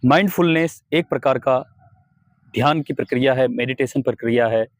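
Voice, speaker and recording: Calm male meditation guide, dry close sound. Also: medium pitch, no room sound. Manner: slow, calm, instructive. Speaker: yoga and meditation instructor.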